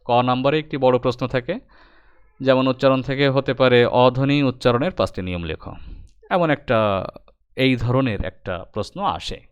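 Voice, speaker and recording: Clear-voiced man teaching a lesson. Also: mid-range voice, normal speed, no room sound, muffled recording. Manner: patient, explains step by step, addresses students directly. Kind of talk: recorded exam-prep lesson.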